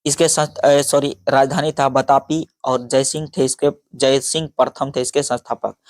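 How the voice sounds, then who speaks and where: A man's voice: medium pitch, little pitch movement, no echo, clean studio sound. A man teaching an exam-prep lecture, reading question-and-answer notes and often stumbling over names and correcting himself. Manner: halting, stumbles over names and restarts, frequent sorry.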